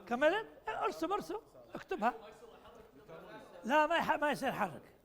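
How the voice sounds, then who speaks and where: A man's voice: extremely high pitch, very animated, brisk, creaky, fairly bright tone. A man running a puzzle exercise at a conference workshop, teasing and urging participants, mixing Arabic and English. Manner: playful, teasing, urging people on; switches between Arabic and English.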